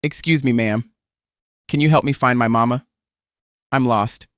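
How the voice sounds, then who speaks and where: A man's voice: mid-range voice, a little slow, a bit bright, clean tone, dry recording, natural voice. A man voicing a creepy lost demon boy who timidly pleads for help, in a dry recording. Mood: pleading.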